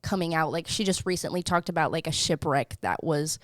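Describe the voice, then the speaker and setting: A woman's voice: low voice, a little fast, dry recording, studio quality. A woman in her twenties co-hosting a podcast in casual chat, chatty and upbeat, often laughing. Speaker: podcast co-host.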